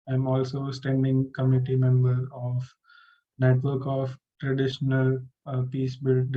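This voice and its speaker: Flat-voiced man, formal panelist. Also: mid-range voice, lo-fi sound. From India. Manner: polite, formal self-introduction.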